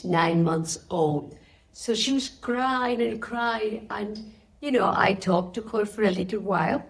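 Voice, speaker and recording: This spiritual teacher, a woman from Spain who is middle-aged or older, has a mid-range voice and a Spanish accent. As an interviewee, she responds to questions and recounts her own stories with emphatic expressiveness.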